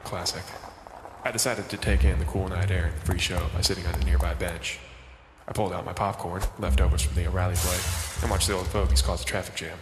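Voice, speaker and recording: A man playing a jaded, observant private detective in a noir audio drama, clipped and deadpan. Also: low voice, fast talker, echoey room, long reverb tail, noisy background, natural voice. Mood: wry. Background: brassy music.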